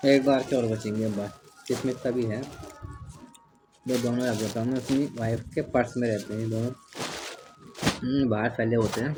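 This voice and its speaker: A father and family vlogger from the Garhwal hills, India, chats casually at home in a Garhwali accent, rambling and coaxing his child. His voice is mid-range, and the rough home recording has clear background noise.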